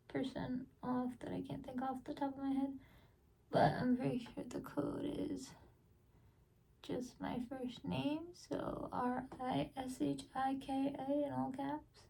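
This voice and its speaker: A woman beauty vlogger rambles slowly through her makeup routine in a casual chatty way. Her voice sits high but carries heavy gravelly fry and a husky edge. She sounds a little away from the mic. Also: dark tone, recorded from a distance, a little hiss or hum. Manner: chatty, rambling, often trails off with small laughs. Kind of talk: casual makeup tutorial chat.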